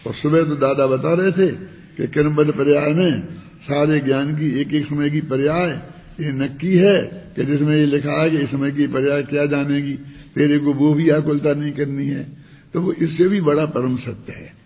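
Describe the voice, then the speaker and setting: A man's voice: a little high, fairly even intonation, normal speed. A man giving a spiritual discourse in a conversational way, often asking his listeners rhetorical questions. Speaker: religious teacher. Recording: tinny, echoey hall recording.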